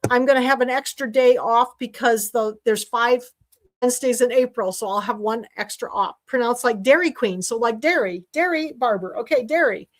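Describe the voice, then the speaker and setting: A woman with a fairly high voice hosts a casual sewing livestream from her desk mic. She talks in a rambling, chatty way, full of fillers and restarts. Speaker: sewing class host. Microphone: desk mic while streaming.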